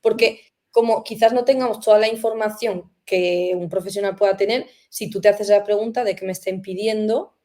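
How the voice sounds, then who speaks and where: A woman's voice: mid-range voice, fairly even intonation, brisk, few pauses, warm tone. A woman hosting a conversational interview, reflective and full of rhetorical questions. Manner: reflective, uses many fillers and rhetorical questions. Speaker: host.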